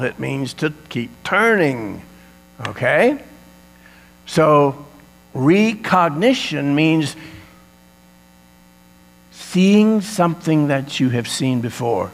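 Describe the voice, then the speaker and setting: A man's voice: fairly high pitch, in a large hall. A man preaching an Easter sermon, retelling the story with dramatic, swelling emphasis.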